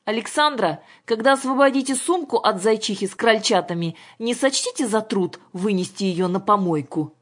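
A woman voicing a stern, angry middle-aged father who barks orders and threatens loudly, with a slightly husky voice. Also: medium pitch, lively intonation, normal speed. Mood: bossy. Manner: blustering, commanding, shouting orders.

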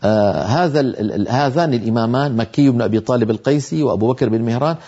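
A man teaching a tajweed lesson on Quran recitation, explaining patiently and slowly sounding out example syllables. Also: medium pitch, mellow, husky, dull audio.

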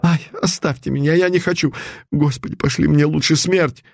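A man reading a story aloud and voicing a frightened young captive woman in a high, pleading voice. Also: animated, fast, gravelly, a little mellow, breathy edge, no room sound, clean studio sound. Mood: terrified.

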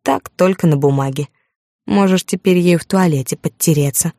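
A woman's voice: on the low side, normal speed, dark tone, no room sound, studio quality. A woman reading an audiobook, voicing a smug young woman who speaks in a mocking, scornful tone.

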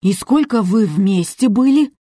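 A woman reading as a brash woman who taunts loudly and coarsely. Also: medium pitch, lively intonation, measured pace, breathy edge, no room sound, studio quality. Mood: taunting.

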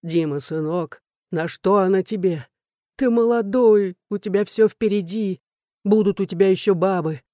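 Storybook role: woman reads a bitter, wheedling older man, dark tone, close and dry. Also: medium pitch, moderate pace, no room sound, lightly acted. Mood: tearful, pleading. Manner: abusive, wheedling, tearful lament.

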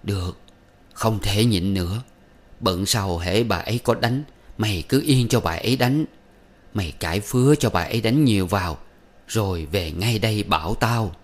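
A man's voice: on the low side, normal speed, close to an everyday voice. A man reading aloud and voicing a bitter, domineering old mother who scolds harshly. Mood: angry.

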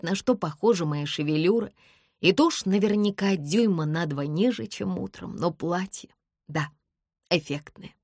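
A woman narrating a first-person audiobook in an expressive storytelling way. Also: low-pitched, no echo, clean studio sound.

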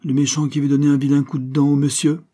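A man playing a gruff, irritable old man. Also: on the high side, little pitch movement, quick pace, pitched above the performer's own voice. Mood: fussy welcoming. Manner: shouting threats, then fussy and chatty. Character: grumpy tall old male animal-stuffer, gruff then welcoming.

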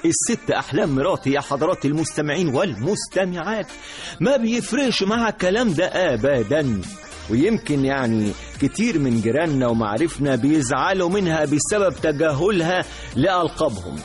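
A man's voice: on the high side, animated, fairly quick, soft background music. A man with an Egyptian accent giving a chatty, mock-aggrieved comic radio monologue, speaking straight to the listeners. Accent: Egyptian Arabic. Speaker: radio comedy presenter.

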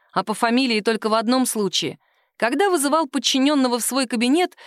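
A woman narrating a story aloud in an expressive audiobook reading. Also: a little high, no echo, studio quality.

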